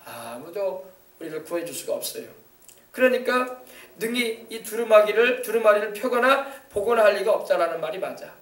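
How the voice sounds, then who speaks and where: A male pastor preaching a sermon in an emphatic way, often checking that the congregation agrees. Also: sits high. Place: church sanctuary. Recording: echoey church hall, mic at a distance.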